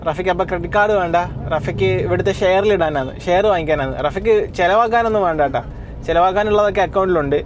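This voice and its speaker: A Malayali man from Kerala telling a family story, casual, laughing, talking loud from a car. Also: high voice, very fast, a little hiss or hum. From Kerala, India. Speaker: family vlogger. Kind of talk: casual vlog chat. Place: in a car on city roads.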